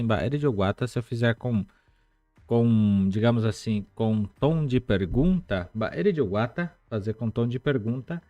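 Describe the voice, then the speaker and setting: A man teaching a live online language lesson, explaining patiently and repeating words slowly, with chatty asides to viewers. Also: mid-range voice, darkish tone, no room sound.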